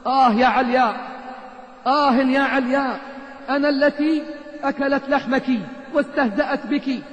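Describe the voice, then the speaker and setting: Guy doing a sick woman sobbing out her regrets, high voice, echoey hall. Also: normal speed, highs cut off. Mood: pleading. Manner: pleading, broken with sobs. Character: gravely ill woman, remorseful, weeping.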